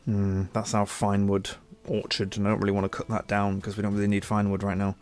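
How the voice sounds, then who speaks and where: The gaming channel host's lowish, slightly mellow voice is monotone and brisk. A young man with a stuffy nose from a cold, he gives easygoing gameplay commentary, talking through his thoughts as he plays.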